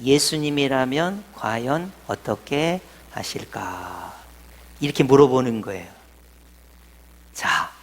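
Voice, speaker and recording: A middle-aged pastor preaching a sermon, telling stories and swinging between loud emphatic lines and quiet asides. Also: male voice, mid-range voice, creaky. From Jeolla, South Korea. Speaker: senior pastor.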